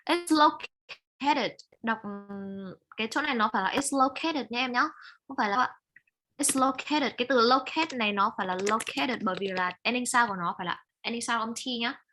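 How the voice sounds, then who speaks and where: A woman with a Vietnamese accent runs an English speaking lesson over a video call. Her bright, fairly high voice moves briskly between questions and pronunciation corrections. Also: a little hiss or hum, poor audio.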